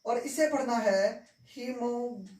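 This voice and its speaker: A woman with a somewhat high voice teaches at a very slow, deliberate pace. She repeats each point and keeps asking whether it's clear. The sound comes from a roomy, echoey space, with the mic set some distance away. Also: darkish tone. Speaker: English teacher. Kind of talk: classroom-style lesson. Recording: echoey room, mic far off.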